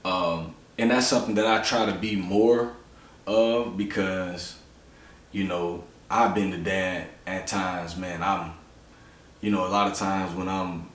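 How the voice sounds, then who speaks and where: A man's voice: low voice, fairly even intonation, measured pace, fairly bright tone. A man hosting a podcast, talking in a loose, reflective way with lots of "you know". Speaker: podcast host. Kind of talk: casual conversational interview. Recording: roomy sound from a distant mic.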